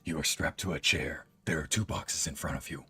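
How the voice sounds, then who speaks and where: A man putting on a sinister, calm male horror villain, speaking slowly in a lowered, menacing voice. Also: slightly rough, no echo, full character voice.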